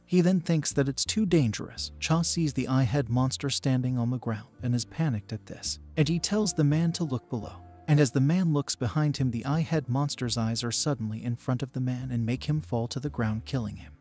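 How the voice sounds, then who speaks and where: A man's voice: medium pitch, fairly quick, hardly any pauses, a little mellow, soft background music. Man narrating a comic recap. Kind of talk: scripted story recap narration.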